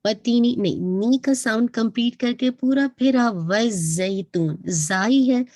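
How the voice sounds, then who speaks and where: A woman's voice: fairly high pitch, darkish tone, no room sound, studio quality. A woman teaching Quran recitation in an online lesson who patiently demonstrates each sound and keeps checking back with her students.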